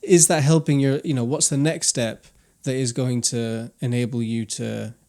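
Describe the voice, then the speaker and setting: This young man co-hosts a podcast in a mellow, mid-range voice, keeping a steady tone and a moderate pace. He chats casually and thoughtfully, rambling with plenty of restarts.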